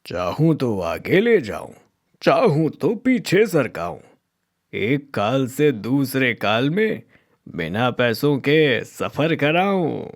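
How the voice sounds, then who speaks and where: A man voicing a wise, kindly old magic tree in a cartoon, speaking in a slow, chanting sing-song. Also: medium pitch, big pitch swings. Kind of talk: cartoon voice acting.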